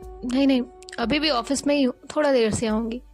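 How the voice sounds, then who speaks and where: A woman's voice: high voice, fairly quick, soft background music. A woman voicing a stern young businesswoman who talks in curt, firm sentences.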